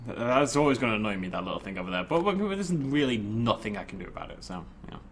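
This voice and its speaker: A man's voice: lowish voice, big pitch swings, fast, slight background noise. A man giving casual, informal game commentary, thinking aloud and playfully talking to the game. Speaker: gaming video host.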